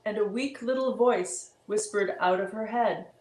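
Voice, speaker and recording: Brief: a woman reading rhyming verse aloud, slow and measured, in an echoey room. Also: mid-range voice, a little mellow. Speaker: storybook reader. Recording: roomy echo.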